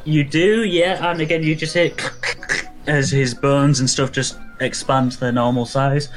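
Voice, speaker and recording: A man's voice: mid-range voice, fairly even intonation, unhurried, soft background music, poor audio. A man improvising narration as game master of a tabletop role-playing game.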